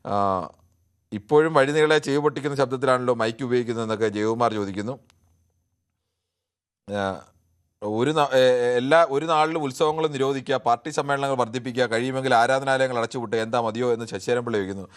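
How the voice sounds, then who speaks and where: Hosting a live TV phone-in discussion show, a man reads out viewer comments and responds to them argumentatively. He has a mid-range voice and a brisk delivery.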